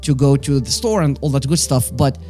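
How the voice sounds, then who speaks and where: As a guest in an interview, a business owner in his forties, native in Arabic and French with a Moroccan accent, casually tells stories from his life. He speaks briskly in a mellow, mid-range voice, backed by soft music.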